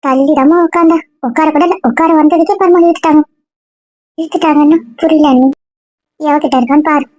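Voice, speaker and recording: A woman's voice: high-pitched, steady tone, fairly quick, darkish tone, no echo, close to an everyday voice. An actress playing a stubborn, complaining woman in a family comedy-drama skit. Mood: lamenting. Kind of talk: casual web-series acting. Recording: dull lo-fi dry sound.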